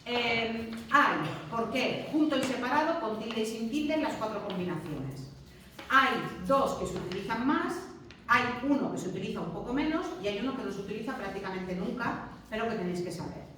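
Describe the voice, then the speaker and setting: A woman's voice: fairly high pitch, lively intonation, normal speed, bright, forceful tone, a little hiss or hum. A woman teaching a spelling lesson, explaining patiently and often checking that the class follows. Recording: very echoey room, from far off.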